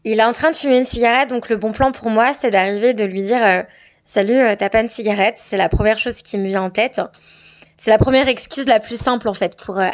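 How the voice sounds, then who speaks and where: A woman from France telling a personal anecdote in a candid, hesitant, conversational way. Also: mid-range voice. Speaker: storyteller. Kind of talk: personal anecdote told to camera.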